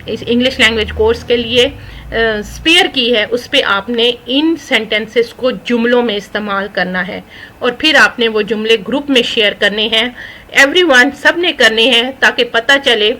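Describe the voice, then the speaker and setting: A woman teaches a spoken English class, reading out everyday English phrases slowly and explaining them in Urdu sprinkled with English words. Her voice is bright and clear, sitting a little high. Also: rough recording. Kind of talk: recorded spoken English lesson.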